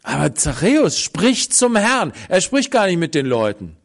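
A man preaching a sermon, telling stories dramatically with sudden swings between loud and soft and acting out the voices of the people in them. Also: sits high, very animated, moderate pace, vocal fry. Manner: acts out the voices of people in the story.

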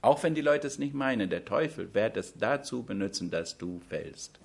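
A man's voice: fairly low pitch, expressive, normal speed, gravelly, breathy edge. A man preaching a sermon, speaking to his congregation and asking them frequent rhetorical questions.

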